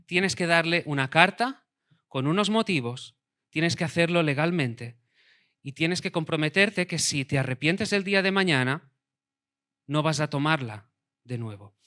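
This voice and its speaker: A pastor preaches in an emphatic way, his voice bright and forceful. He drops low and quiet to press a point home. It sits a little higher than most men's voices. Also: expressive, unhurried, long pauses. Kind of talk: sermon.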